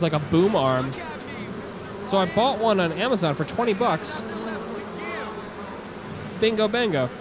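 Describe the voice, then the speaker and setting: A man's voice: fairly high pitch, noisy background. A man streaming a video game, chatting casually in a rambling, profane, self-mocking way. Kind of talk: casual live-stream chat.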